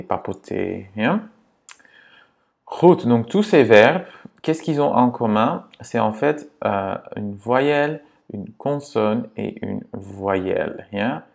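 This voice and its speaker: A man teaching grammar to beginners, patient and repetitive, checking in often with a quick "ok?". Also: lowish voice, gravelly. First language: Dutch. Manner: patient, repeats words and checks in with "ok?". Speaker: language teacher.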